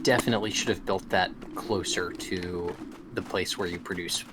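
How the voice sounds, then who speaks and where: A man's voice: deep voice, steady tone, normal speed, background noise. A man chatting casually and playfully as he comments on a game being played. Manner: playful, bantering. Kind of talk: casual gameplay chat.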